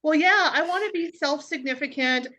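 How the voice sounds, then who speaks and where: A woman's voice: high-pitched, moderate pace, bright, forceful tone. A woman co-hosting a podcast chat, hesitant, repeating words as she thinks aloud. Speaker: podcast co-host. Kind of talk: casual panel chat.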